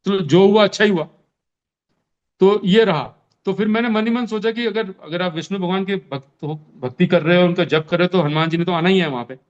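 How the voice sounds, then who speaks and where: Podcast guest, male, high-pitched, lively storyteller who voices each person, slightly muffled recording. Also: a little fast. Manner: animated, acts out his own dialogue. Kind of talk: casual storytelling.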